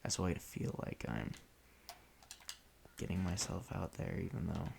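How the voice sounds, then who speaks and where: A man casually rambling in an offhand, deadpan way while he plays a video game, often restarting his sentences. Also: low voice, normal speed, creaky, background noise. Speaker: solo podcaster playing a video game.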